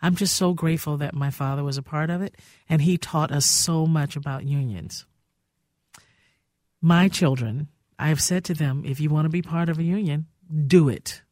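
A woman's voice: low voice, normal speed, darkish tone, no room sound. An older woman hosts a radio talk show from a studio. She tells stories in a heartfelt, reminiscing way, and her voice sits close and dry with no room sound.

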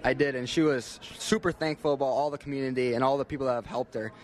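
A young American man giving casual, halting, plain-spoken answers as an interview guest. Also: mid-range voice, steady tone. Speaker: interview guest, livestock exhibitor.

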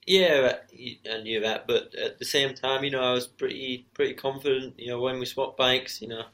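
A man's voice: mid-range voice, fairly even intonation, moderate pace, fairly bright tone. Understated male racer being interviewed. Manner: modest, understated, leans heavily on "you know". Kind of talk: casual interview answers.

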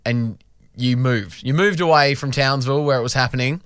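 A young Australian man co-hosts a radio show, telling embarrassing stories with animated, self-mocking humor in casual banter. His smooth, medium-pitched voice moves at a moderate pace, captured dry and clean on a studio microphone.

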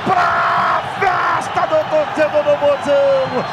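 A Brazilian man calls live football with explosive goal commentary. His voice is extremely high and shouted, with words stretched out slowly, over loud music and a roaring crowd. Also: huge pitch swings, vocal fry, lo-fi sound. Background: music and stadium crowd noise.

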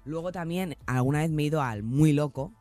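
A woman from the Basque Country telling a comic anecdote in casual group chat, animated and acting out the voices she quotes. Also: deep voice, fairly quick, dry recording, soft background music. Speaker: storyteller.

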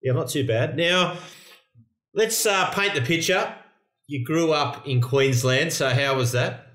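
A man's voice: on the high side, measured pace, a bit bright, roomy sound. An Australian man hosting a podcast, talking with a guest in a friendly, bantering way. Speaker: podcast host. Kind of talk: casual interview chat.

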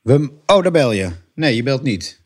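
A man leaves a quick, informal voicemail, his pitch rising and falling a lot as he talks. He sounds hurried and keeps stopping on filler sounds. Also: very animated, darkish tone, slightly rough. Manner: casual and hurried, with many fillers. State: leaving a voicemail.

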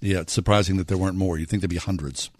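A man's voice: low-pitched, steady tone, rapid-fire, darkish tone, no echo. A man chatting casually as a radio show host in a studio.

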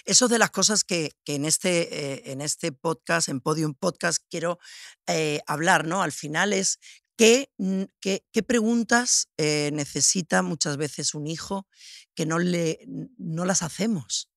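A woman's voice: lowish voice, measured pace, creaky, a bit bright, no room sound, studio quality. A middle-aged woman hosting a podcast, asking probing questions in an intimate conversation, often restarting her sentences. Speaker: podcast host.

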